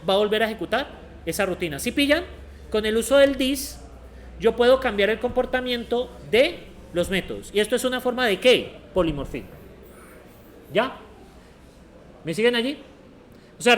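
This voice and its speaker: Higher-pitched man lecturing a class. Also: fairly bright tone. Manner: asks the class many quick check questions. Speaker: university lecturer. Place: university classroom.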